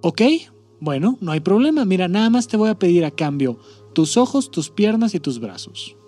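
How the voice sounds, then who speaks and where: A man's voice: high voice, big pitch swings, normal speed, warm tone, faint music behind. A man voicing God as blunt, casual and matter-of-fact, in a spoken story. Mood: offhand. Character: blunt, offhand male God.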